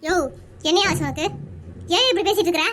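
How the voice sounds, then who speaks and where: A squeaky, very high-pitched cartoon housewife, voiced by a woman scolds. She nags sharply and quickly, shrill from start to finish. It is a village family comedy cartoon. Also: background noise. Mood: scolding. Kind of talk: animated cartoon dialogue.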